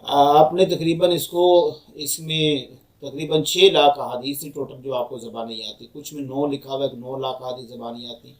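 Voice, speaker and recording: A man's voice: medium pitch, steady tone. A man giving a university lecture as a professor, telling stories and repeating phrases for emphasis. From Pakistan.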